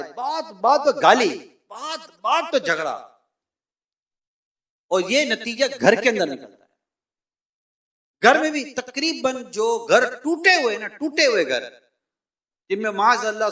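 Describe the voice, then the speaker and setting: A man with a Pakistani Urdu accent preaching a sermon to a large gathering, animated, acting out quarrels in quick bits of dialogue. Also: sits high. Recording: echoey hall, voice from far off.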